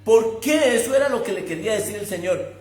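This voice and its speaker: A man's voice: high-pitched, rapid-fire. A man preaching a sermon in a conversational, emphatic way, speaking straight to his listener. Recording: echoey room.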